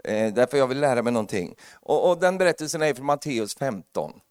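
Animated man preaching a sermon. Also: mid-range voice, clear, resonant tone, no echo, clean studio sound. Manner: animated, builds to loud emphatic preaching; joking asides to the congregation. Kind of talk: lively sermon.

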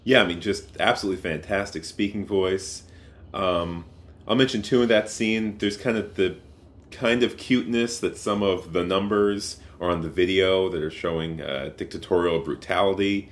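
A man with a low voice co-hosts a casual podcast discussion. He talks thoughtfully and haltingly, often stopping to rephrase. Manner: thoughtful, halting, with many fillers and restarts. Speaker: podcast co-host.

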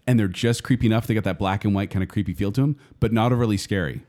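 A man's voice: lowish voice, very fast, darkish tone. A middle-aged man co-hosting a casual pop-culture chat in an emphatic, exclaiming way. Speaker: podcast co-host.

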